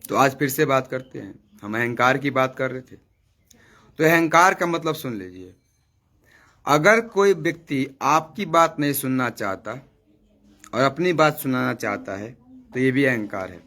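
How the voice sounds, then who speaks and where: A man's voice: medium pitch, animated, measured pace, sharp tone. A man preaching devotionally to his viewers, scolding them and repeating rhetorical questions. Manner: repeats lines for emphasis. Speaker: spiritual speaker. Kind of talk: devotional preaching on a live stream.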